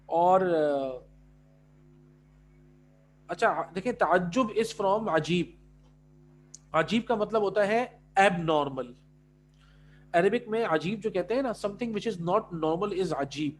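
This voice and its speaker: A man's voice: high voice, expressive, long pauses, slight background noise. A male Arabic teacher explaining words in a class, switching between Urdu and English and often checking that students follow. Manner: mixes Urdu and English, keeps checking understanding.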